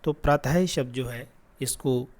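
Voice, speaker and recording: A man teaching a class lesson, patiently repeating sounds slowly for children. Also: mid-range voice, a little mellow.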